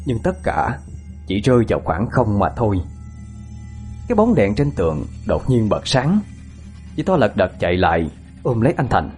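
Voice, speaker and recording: A man's voice: fairly low pitch, wildly swooping pitch, moderate pace, pauses often, a little mellow, faint music behind. A man narrating a ghost story in a dramatic, suspenseful way.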